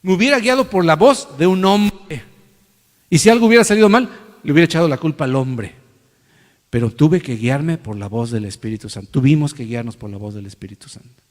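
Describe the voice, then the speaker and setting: A man's voice: on the high side, lively intonation, a little fast. A man with a Mexican accent preaching, telling a personal story and acting out the voices of others. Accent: Mexican Spanish. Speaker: pastor. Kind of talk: sermon testimony. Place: church hall. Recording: reverberant church hall.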